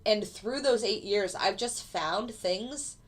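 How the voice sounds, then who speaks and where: She has a mid-range voice and takes her time, her speech stuffy and congested from a cold she can't shake. A futures day trader on a live stream, she explains her trades casually and replies to viewer questions, peppering them with fillers.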